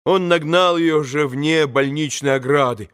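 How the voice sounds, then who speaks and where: A man reading a classic novel as an audiobook, in a measured, expressive narration. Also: fairly high pitch, clean tone.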